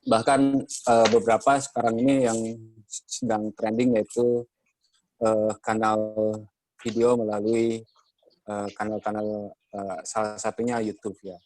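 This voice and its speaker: An Indonesian man moderating a journalism training session, speaking in a measured way with many hesitations. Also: lowish voice, flat delivery, a little mellow, no echo, rough recording. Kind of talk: workshop moderation, lecturing.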